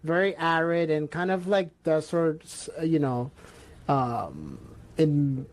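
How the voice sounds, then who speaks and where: A young man from Peru talks easily as a guest on a podcast. His voice sits a little higher than most men's, and he often pauses on fillers and starts his sentences over. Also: expressive. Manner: hesitant, many fillers and restarts. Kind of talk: casual chat.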